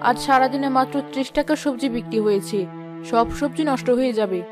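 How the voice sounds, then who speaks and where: A woman's voice: high voice, fast, close to an everyday voice. A woman voicing an honest, determined village mother selling vegetables, speaking sincerely, over background music. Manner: sincere, steadfast.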